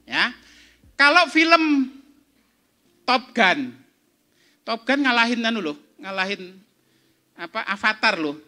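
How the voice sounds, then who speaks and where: Lively high-voiced man quizzing an audience. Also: takes it slowly, long pauses. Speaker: speaker at an entrepreneurship seminar. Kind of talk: seminar talk to a live audience. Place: event hall.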